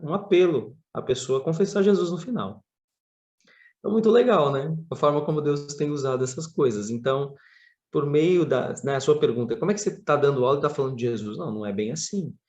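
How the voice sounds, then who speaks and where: A man from Brazil, a podcast guest and surf instructor telling stories in a casual interview, his pitch jumping up expressively. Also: brisk, darkish tone, muffled recording.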